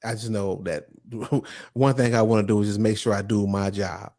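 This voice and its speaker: A man co-hosting a casual chat, relaxed and laid-back, with slangy talk. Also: fairly low pitch, moderate pace.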